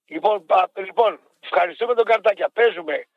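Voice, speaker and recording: Wry Greek radio co-host, dull lo-fi sound. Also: male voice, sits high, dry recording. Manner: grumbling, wry, repeats himself. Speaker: radio sports show co-host. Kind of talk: casual sports radio banter.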